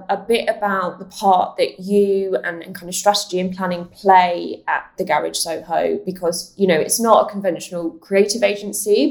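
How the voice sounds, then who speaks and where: A woman's voice: mid-range voice, gravelly. A woman hosting a podcast in casual interview talk, chatty and self-deprecating. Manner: warm, self-deprecating chat. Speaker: podcast host.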